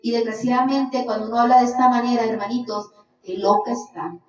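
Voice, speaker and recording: A woman's voice: on the high side, fairly even intonation, brisk, soft background music. Fervent woman in an echoey room. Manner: earnest, calls listener "hermanito". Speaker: podcast guest giving testimony. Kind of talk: fervent religious testimony. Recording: echoey, distant, dull lo-fi sound.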